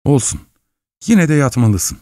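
A man's voice: medium pitch, sing-song, unhurried, dark tone, no room sound, clean studio sound, voice pushed up. A man reading an audiobook, voicing a ruthless, commanding young merchant's wife with his voice raised. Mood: coaxing. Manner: harsh urgent orders, hissed whispers.

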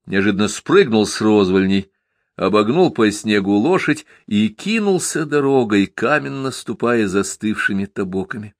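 A man narrating a historical novel as an audiobook in an even storytelling manner. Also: fairly low pitch, moderate pace, dry recording, studio quality.

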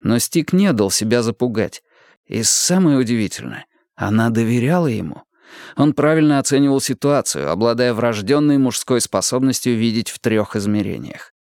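A man reading a thriller audiobook in a steady, even storytelling manner. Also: mid-range voice, moderate pace, dry recording, clean studio sound. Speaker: audiobook narrator. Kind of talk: scripted narration.

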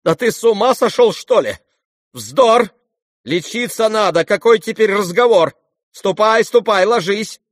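A man's voice: sits high, lively intonation, unhurried, a bit bright, dry recording, clean studio sound, pitched above the performer's own voice. A man voicing an imperious, furious older noblewoman who scolds in an exclamatory, indignant way, in an audiobook reading. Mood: agitated.

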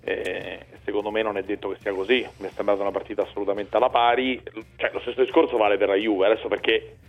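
Fast-talking low-voiced man on sports radio. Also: flat delivery, muffled recording. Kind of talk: fast argumentative football discussion.

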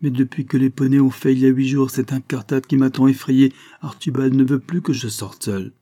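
A man voicing a timid, gentle young noble wife who speaks softly and apologetically. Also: mid-range voice, steady tone, brisk, voice pushed up, natural voice. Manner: soft and apologetic.

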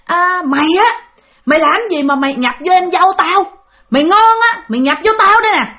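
A woman with a Southern Vietnamese accent voicing an angry older man who shouts taunts at a ghost. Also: extremely high pitch, lively intonation, fairly quick, voice pushed up, full character voice. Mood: angry taunting.

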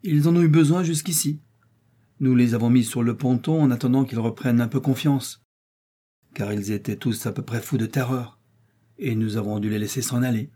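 A man voicing a burly, gruff but cordial male doctor who speaks in a confiding way, in an audiobook reading. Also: mid-range voice, moderate pace, dark tone, natural voice. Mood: grave.

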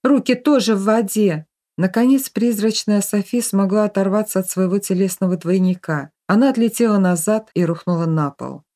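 Female audiobook narrator, warm dark tone, even scripted storytelling. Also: medium pitch, a little fast, hardly any pauses.

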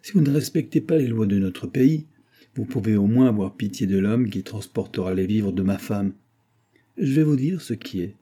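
A man reading an audiobook and voicing a pompous, lecturing brewer's clerk who talks loudly and emphatically. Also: lowish voice, animated, normal speed. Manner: lecturing, self-important, emphatic.

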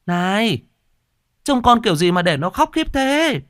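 A bossy old grandmother who nags and scolds, as a male storyteller puts her on. Her lines rise well above the narrator's low voice, and the recording is close and dry. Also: sing-song, rapid-fire, dark tone, no echo. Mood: scolding. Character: stern elderly grandmother, sharp-tongued.

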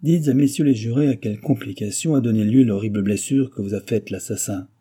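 A man's voice: on the low side, a little fast, mellow, husky. A man voicing a stern judge presiding over a trial, speaking formally. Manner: formal, solemn. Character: stern older male court judge.

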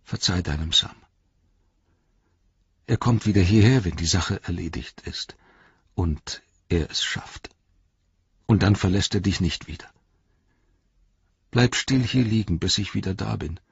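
A man's voice: deep voice, a little slow, vocal fry, pauses often, breathy edge, no room sound, highs cut off, exaggerated voice. A man reading aloud, voicing a loyal young male hobbit servant who pleads and argues with himself in despair. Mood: tender farewell. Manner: desperate, pleading, arguing with himself.

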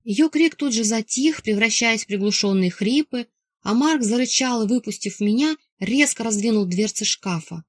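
A woman reading a novel aloud in the first person, wry and lively. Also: on the high side, moderate pace, no echo. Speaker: audiobook narrator.

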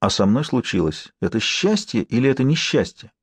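A gentle young wanderer in a storybook speaks in a halting, stunned murmur, his voice sitting in an ordinary middle register, as the male narrator plays him. There is no reverb at all, only a close and dry sound. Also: mid-range voice, sing-song, husky. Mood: bewildered.

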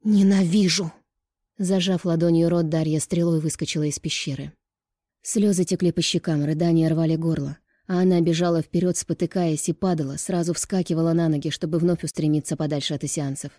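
Low-voiced woman narrating an audiobook. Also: fairly even intonation, fairly quick, dark tone, no echo, clean studio sound.

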